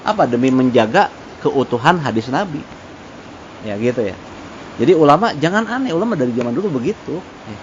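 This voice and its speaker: Male religious teacher, relaxed conversational lesson with Arabic recitation; muffled lo-fi recording. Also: mid-range voice, fairly quick. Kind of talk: casual religious study lesson. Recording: dull lo-fi with faint noise.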